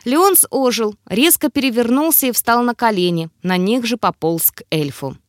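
A woman reading a fantasy novel aloud in a wry, expressive storytelling manner. Her pitch moves freely across a wide range, and the recording is dry and close with no echo. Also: moderate pace. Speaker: audiobook narrator. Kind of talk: scripted narration.

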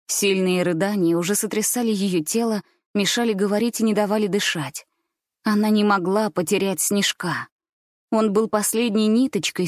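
A woman narrator telling a dark fairy tale in an even, measured pace, her mid-pitched voice close and dry. The reading stays calm and steady between the characters' lines. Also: no echo. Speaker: audiobook narrator.

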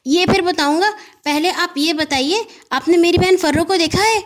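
A woman's voice: very high-pitched, voice pushed up. A woman doing a breathless eager little boy. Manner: hurried, eager, rapid-fire questions.

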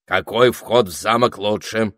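Narrator voicing a brisk, bossy old parrot, slightly raised. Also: male voice, fairly low pitch, a bit bright, no echo, clean studio sound.

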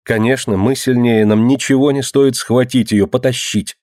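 A man's voice: mid-range voice, fairly even intonation, moderate pace, darkish tone, no echo, clean studio sound, pitched above the performer's own voice, natural voice. A man voicing an anxious, loving mother who talks nervously and pleads.

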